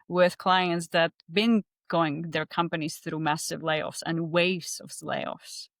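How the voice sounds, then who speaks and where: A woman reflecting casually in a debrief as a coach, phrasing her thoughts haltingly in short pieces. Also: lowish voice, steady tone, no echo, studio quality.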